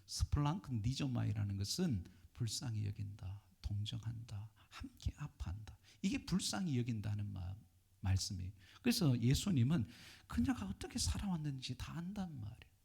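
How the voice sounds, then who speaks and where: A male pastor delivering an impassioned sermon, often dropping to a hushed whisper for emphasis. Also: mid-range voice, sing-song, moderate pace, vocal fry, husky.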